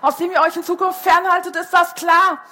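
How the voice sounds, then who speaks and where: A woman reading a storybook aloud and voicing a gruff, bossy male snapping turtle who is the school headmaster. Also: fairly even intonation, fairly quick, sharp tone. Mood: angry. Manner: booming, bullying.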